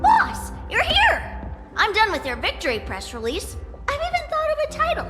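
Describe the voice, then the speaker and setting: A woman voicing a tiny, excitable drone-like critter journalist in a video game, frantic, stammering and exclamatory. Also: extremely high pitch, moderate pace, heavily acted. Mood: frantic, excited. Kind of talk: video game character acting. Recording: reverberant, loud music behind.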